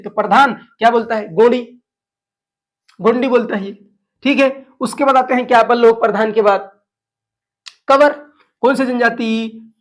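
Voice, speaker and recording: A man teaching an exam class, asking questions and answering them himself, with local phrases mixed in. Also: very high voice. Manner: slips into Chhattisgarhi phrases. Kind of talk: lecture drilling exam facts.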